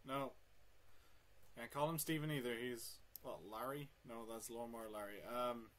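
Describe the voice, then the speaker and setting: A man's voice: medium pitch, steady tone, moderate pace, a bit bright. A young man commentating his own gameplay, swearing and talking to himself, with sudden yelps. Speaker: gamer. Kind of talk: let's play commentary.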